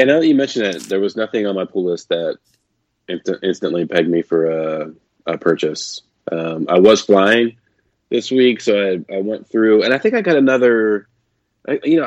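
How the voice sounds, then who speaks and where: A male podcast host with a low-pitched voice chats casually from a makeshift travel setup while away at a conference. He's easygoing and chatty, with many fillers and restarts. His voice sounds slightly robotic and metallic, and the recording is dull, dry and lo-fi.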